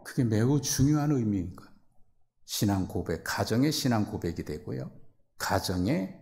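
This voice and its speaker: Middle-aged pastor guy preaching, gravelly voice, jumps loud and high when he quotes people. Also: animated, moderate pace. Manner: acts out imagined quotes with sudden loud, high bursts. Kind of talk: sermon.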